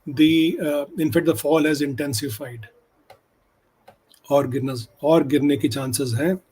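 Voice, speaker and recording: Fast and husky, this stock options trader's voice is fairly high-pitched, darkish and steady in tone, captured on a rough recording. He speaks English with an Indian accent, Hindi being his first language, and his emphatic market commentary slips between the two languages.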